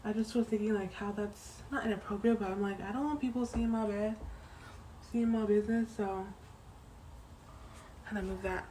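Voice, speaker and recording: A young woman vlogging at home in a casual, rambling way, full of fillers and restarts, her voice still raspy from the morning. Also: medium pitch, steady tone, moderate pace, pauses often, dark tone, slight background noise, rough recording. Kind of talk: casual vlog chat. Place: at home, indoors.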